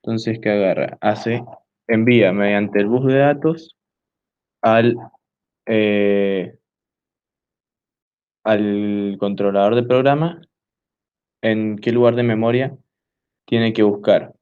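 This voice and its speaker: A young man giving a hesitant student class presentation, filling pauses with "eh" while pointing things out on a diagram. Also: on the low side, steady tone, clear, resonant tone. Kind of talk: class presentation explaining computer hardware. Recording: dull lo-fi recording.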